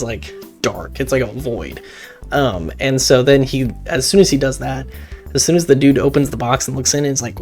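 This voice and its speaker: A man casually recapping a horror film, rambling and excitable, with laughs and swearing. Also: mid-range voice.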